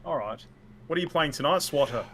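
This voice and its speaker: A man with an Australian accent hosting a casual podcast chat, laid-back and quick to laugh. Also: a little high, expressive, fairly bright tone. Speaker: podcast host.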